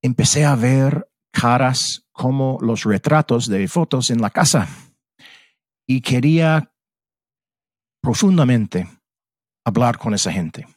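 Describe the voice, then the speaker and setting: As a podcast guest in a casual interview, this middle-aged man from Mississippi, USA, talks with an American English accent, reflective and hunting for words in his second language. His medium-pitched voice is animated yet slow, with frequent pauses, on a dry recording.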